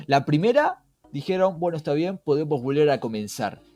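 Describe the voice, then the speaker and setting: A very animated man with a fairly high, warm voice co-hosts an explainer podcast, speaking at normal speed in a Rioplatense Argentine accent. Conversational in style, he poses questions to his co-host and to listeners and then answers them himself. Soft music sits in the background.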